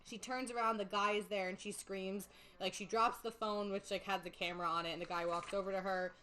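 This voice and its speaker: A woman's voice: medium pitch, fairly quick, poor audio. Chatty young woman recapping a movie. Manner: chatty, animated storytelling with many fillers. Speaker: podcast host. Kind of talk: casual movie recap chat.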